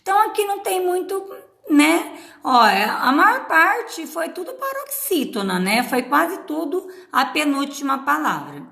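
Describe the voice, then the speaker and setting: A patient woman teacher with a Paraná Portuguese accent, drawing out syllables for children. Her voice is bright, lively in pitch, and unhurried. It is recorded in an echoey room. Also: vocal fry. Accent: Brazilian Portuguese from Paraná. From Paraná, Brazil. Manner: patient, drawn-out syllables, frequent "tá?". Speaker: schoolteacher. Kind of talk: recorded remote class for children.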